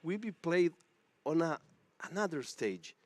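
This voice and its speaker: A man's voice: a little high, big pitch swings, a little slow, a little mellow, no room sound. A male esports commentator speaking live from a tournament venue, enthusiastic and repetitive, with slightly non-native phrasing.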